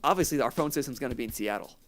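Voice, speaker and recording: A man from the United States co-hosting a casual podcast, joking in a deadpan, mock-apologetic way. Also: mid-range voice, rapid-fire, soft background music. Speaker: podcast co-host.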